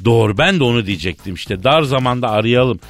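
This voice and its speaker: A man's voice: mid-range voice, lively intonation, brisk. A man hosting a comedy radio show, teasing his co-host and staging a fake phone call. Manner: jokey, teasing, mimics the other end of a phone call.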